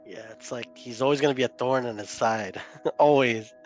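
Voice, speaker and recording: A man's voice: medium pitch, normal speed, faint music behind. A man co-hosting a wrestling podcast, chatting casually and reacting with exclamations. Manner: lively, laughs, exclaims. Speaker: podcast co-host.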